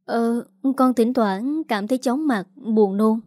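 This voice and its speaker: Woman voicing a scared young daughter, soft and tearful, in a dry storybook read. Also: on the high side, takes it slowly, no echo. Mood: timid.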